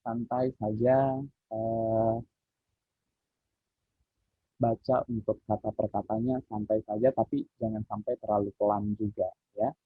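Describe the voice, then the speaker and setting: Man, public speaking trainer, relaxed instructive tone, husky, dry close sound, tinny call audio. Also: fairly low pitch, measured pace, pauses often, no echo, faint music behind. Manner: instructive, relaxed coaching with frequent fillers. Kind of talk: online training session. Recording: muffled phone-like call audio.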